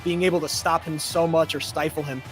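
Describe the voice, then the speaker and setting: Chatty male color commentator, fairly high voice. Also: steady tone, brisk, soft background music. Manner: chatty analysis with frequent filler words. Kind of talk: live game commentary.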